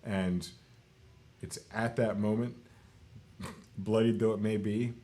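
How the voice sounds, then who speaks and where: A man runs a tabletop fantasy game as its narrator. His voice sits on the low side, and he tells the action in a measured, descriptive way. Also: fairly even intonation, mellow. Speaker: game master.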